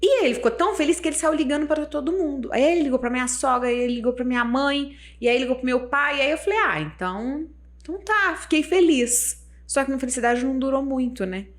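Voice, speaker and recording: A woman in her thirties with a slightly high voice, talking in a casual podcast chat. She speaks in a confiding way and often drops into soft asides. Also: fast talker, hardly any pauses. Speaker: podcast guest, mother of one.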